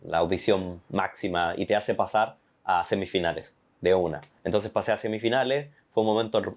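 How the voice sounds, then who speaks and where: A young man with a Chilean accent giving an earnest, animated personal faith testimony. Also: lowish voice. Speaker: testimony guest.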